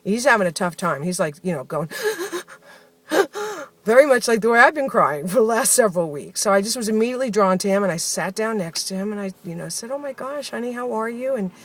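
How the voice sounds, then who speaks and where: A woman's voice: mid-range voice, lively intonation, fast talker, few pauses, no room sound. Reflective woman telling a personal diary. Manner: reflective, heartfelt, conversational with many fillers. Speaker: host of a spoken daily journey series. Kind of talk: personal spoken diary, storytelling.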